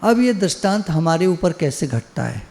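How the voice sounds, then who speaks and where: Guy telling a spiritual parable, chatty and repetitive, mellow tone. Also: a little high, big pitch swings, normal speed, creaky. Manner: plain conversational storytelling, repetitive. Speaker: spiritual speaker. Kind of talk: spoken parable and satsang talk.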